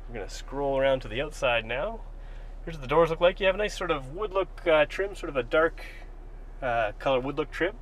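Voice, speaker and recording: A man's voice: mid-range voice, sharp tone, slight background noise, poor audio. A Canadian man showing a car in a casual, chatty walkaround, recorded on a handheld camera outdoors and inside the car. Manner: casual, chatty, thinking aloud while filming. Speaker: car dealership salesman. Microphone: handheld camera mic.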